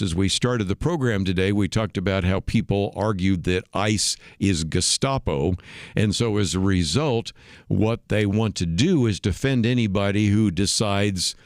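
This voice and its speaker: A man hosting a radio talk show, explaining points in a measured way with frequent "uh" fillers. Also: on the low side, no echo, clean studio sound. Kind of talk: unscripted radio commentary.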